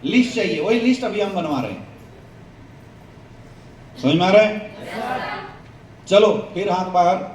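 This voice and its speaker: High-pitched man coaching a crowd in an echoey hall. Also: animated, a little slow, pauses often. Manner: call-and-response questions to the crowd, jokey. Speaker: network marketing trainer. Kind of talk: seminar training talk to an audience. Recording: roomy echo, voice from a distance, faint hum.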